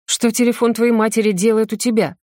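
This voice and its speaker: A woman's voice: fairly high pitch, little pitch movement, brisk, mellow, no echo, pitched above the performer's own voice, close to an everyday voice. A woman voicing a strict father who speaks curtly and dryly. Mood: stern. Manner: strict, dry. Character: stern curt older man, a father.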